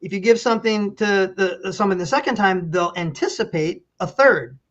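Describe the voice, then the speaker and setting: The interview guest, a middle-aged pastor who also holds county office, tells earnest stories full of false starts. He has a high, somewhat bright voice at a moderate pace, and the recording's high frequencies are cut off.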